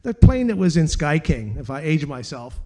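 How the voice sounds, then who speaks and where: A man's voice: a little high, sing-song, normal speed, darkish tone. An older man telling a rambling, casual story about a flute, chatty and easygoing. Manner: rambling, chatty, quotes people with dude and man. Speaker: flutist.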